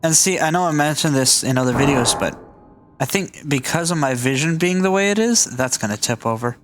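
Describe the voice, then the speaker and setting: A man's voice: fairly high pitch, expressive, fairly quick, slight background noise. Chatty gaming host man. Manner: chatty, explaining as he plays. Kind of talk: casual game commentary.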